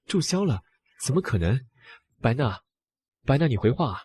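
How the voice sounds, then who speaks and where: An actor playing a shameless scheming husband in a drama, talking fast with a husky, low voice. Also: male voice, expressive, darkish tone, dry recording. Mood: panicked. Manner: fast, pleading then scornful. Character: shameless scheming husband, young adult man. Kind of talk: dubbed drama acting.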